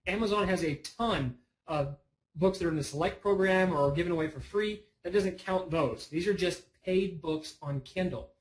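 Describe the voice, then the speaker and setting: Man, webinar presenter, casual and rambling, voice a touch high. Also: moderate pace, poor audio. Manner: rambling, chatty, self-interrupting. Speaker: online course presenter.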